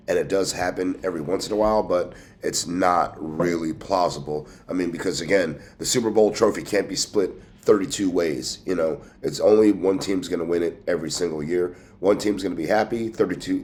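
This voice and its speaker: This host of a sports team news show speaks at a moderate pace in a low, darkish voice, with a little hiss or hum in the audio. His commentary is casual and folksy, but his cold and scratchy throat make him sound congested and nasal, as though pinching his nose.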